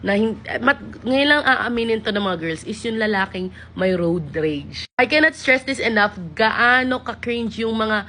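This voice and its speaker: A woman's voice: on the high side, expressive, a little slow, few pauses, pushed and bright, slight background noise. A woman vlogger talking casually to camera, switching between Tagalog and English, sassy and exasperated, mocking men's lines in a teasing voice.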